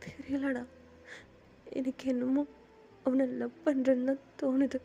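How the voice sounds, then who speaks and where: A woman's voice: sits high, little pitch movement, creaky, mellow, muffled recording, a little hiss or hum. A woman voicing a lovesick young man who cries and stammers as he speaks. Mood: tearful. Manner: halting, stammering, crying.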